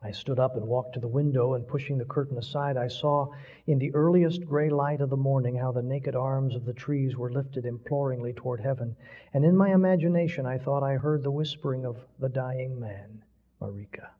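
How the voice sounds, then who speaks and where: Husky man reading a sermon story slow and solemn, dull old recording, long echo. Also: mid-range voice, steady tone. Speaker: preacher.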